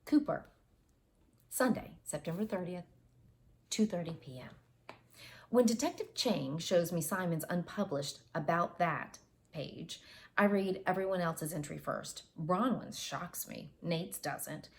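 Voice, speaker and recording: This woman in her forties narrates a first-person novel from her home office through wireless earbuds, giving the characters their own voices and redoing lines as needed. Her delivery is expressive and measured, on the lower side. A faint hiss or hum sits under the audio.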